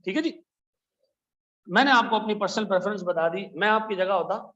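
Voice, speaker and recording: Animated Pakistani male teacher, high voice. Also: brisk, highs cut off. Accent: Pakistani Urdu. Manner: chatty, animated, frequent "theek hai ji" asides. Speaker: accountancy teacher. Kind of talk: classroom lecture. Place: classroom with air conditioners and lights.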